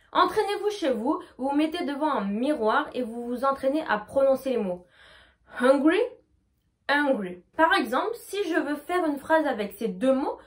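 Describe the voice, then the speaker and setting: Femme à la voix aiguë, leçon d'anglais. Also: female voice, high-pitched. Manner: slow, over-articulated demonstrations of English words. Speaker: English teacher. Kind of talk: pronunciation lesson.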